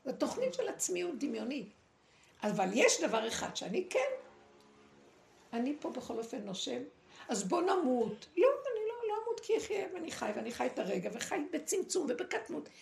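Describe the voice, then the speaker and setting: A woman giving a dramatic, preachy spiritual talk to a group, with pointed pauses. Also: high-pitched, big pitch swings, vocal fry, darkish tone. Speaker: spiritual teacher. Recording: echoey room, faint noise.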